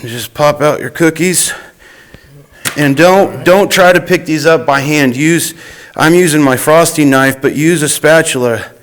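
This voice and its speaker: Guy walking you through baking cookies on a student tv show, kinda high voice, easygoing. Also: a little slow. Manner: relaxed, instructive, with restarts. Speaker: cooking guest. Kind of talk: casual cooking demonstration. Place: student TV studio.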